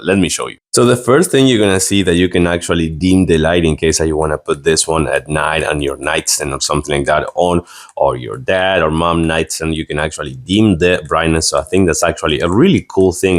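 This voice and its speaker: A man giving a casual product review and demonstration in a rambling, repetitive way. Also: low-pitched.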